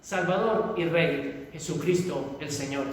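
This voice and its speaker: A man's voice: fairly high pitch, a little slow. A male pastor preaching a fervent sermon, stretching out his emphatic phrases. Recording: echoey hall from far off.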